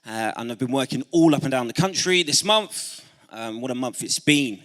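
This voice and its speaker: A man with a bright, forceful voice speaks as a youth mentor and spoken word artist at a celebration in a church hall. His delivery is rhythmic, with lists of words and pauses in a spoken-word style. Now and then he calls on the crowd to answer back. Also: medium pitch, animated. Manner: rousing, calls on the audience to respond. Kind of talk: speech at a celebration event.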